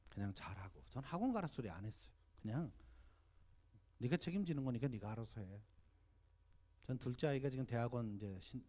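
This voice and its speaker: A pastor in his fifties delivers a sermon at a church seminar, telling animated stories and asking the audience questions. His voice is of medium pitch.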